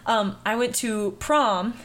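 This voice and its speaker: A woman's voice: medium pitch, takes it slowly, a bit bright. A young woman co-hosting a podcast, chatting casually and telling a story with lots of fillers and laughter. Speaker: podcast co-host. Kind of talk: casual chat. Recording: faint background noise.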